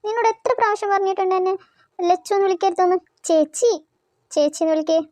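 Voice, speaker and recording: A woman's voice: very high-pitched, quick pace, darkish tone, dry recording. A woman voicing a bossy young woman scolding her little sister in a cartoon. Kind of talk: cartoon voice acting.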